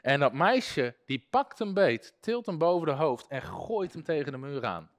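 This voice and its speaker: Brief: male Bible teacher, fairly high voice, animated storyteller who chuckles a lot, in front of a class. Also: moderate pace. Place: classroom with a live audience.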